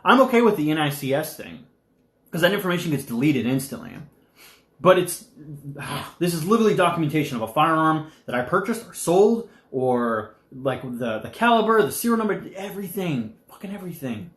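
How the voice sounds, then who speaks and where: A young man with a slightly high voice chats loosely on a live stream, rambling from point to point with animated energy. He sometimes talks through a mouthful of food. The sound bounces around an echoey room. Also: fairly quick. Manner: rambling, animated, eating while talking. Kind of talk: casual live-stream chat.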